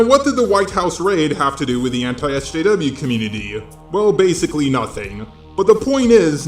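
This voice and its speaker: Scripted video essay commentary is read by a robotic, synthetic male voice hosting a commentary channel. The voice is mid-range, the sound roomy, and faint background music plays.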